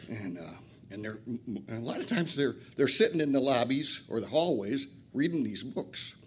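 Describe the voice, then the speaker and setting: A man's voice: medium pitch, sing-song, moderate pace, breathy edge. An older man from Flint, Michigan, telling a profane, self-mocking recovery story at a retreat and laughing often. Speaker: recovery speaker.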